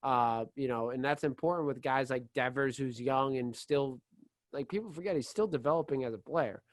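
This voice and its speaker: A man co-hosting a casual sports podcast, excitable, rambling and full of "like" and restarts. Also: medium pitch, normal speed, dry recording. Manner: excitable, laughs easily. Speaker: podcast co-host.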